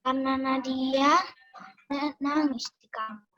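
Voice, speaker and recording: A woman's voice: high voice, steady tone, a little slow, highs cut off, over music. A girl student answering her teacher hesitantly in short replies. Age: child.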